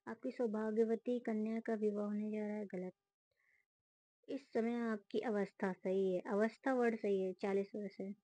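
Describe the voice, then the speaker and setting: A woman talks through an exam paper, reading options aloud and ruling on each one in a few words. Her voice is mellow and warm, and the recording is dry with no room sound. She speaks casually, like a student thinking out loud. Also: mid-range voice, steady tone, no echo, poor audio. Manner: reads options aloud, then quick verdicts. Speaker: student solving a test series. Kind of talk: casual spoken walkthrough of exam answers.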